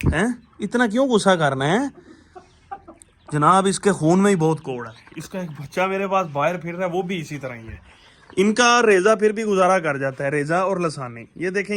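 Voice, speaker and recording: A man's voice: high-pitched, fairly bright tone, a little hiss or hum. A man, chatting casually to viewers and to his birds as he shows them in their outdoor pens. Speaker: bird keeper showing his birds. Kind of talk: casual vlog talking to viewers.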